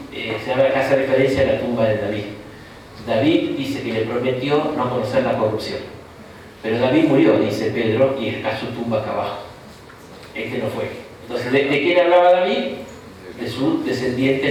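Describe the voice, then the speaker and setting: A man's voice: mid-range voice, distant mic, slight background noise. A man with an Argentine accent, a bishop giving an informal Bible class, chatty and jokey, often tagging sentences with a questioning "no?". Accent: Rioplatense Argentine Spanish. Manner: chatty and jokey, with frequent rhetorical "¿no?". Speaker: bishop teaching a Bible course. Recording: echoey room recorded from afar.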